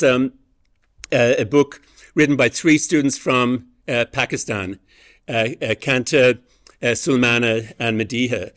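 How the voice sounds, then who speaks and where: An education professor delivers an academic lecture, laying out ideas in a measured manner with many hesitant fillers. His voice is medium-pitched.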